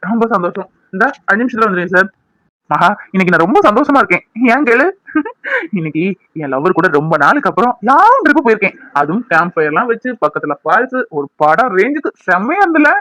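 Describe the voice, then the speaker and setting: A man's voice: sits high, sing-song, fast, sharp tone, no echo, full character voice. Man voicing a smug, taunting cartoon schemer. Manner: mocking and needling. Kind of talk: cartoon voice acting.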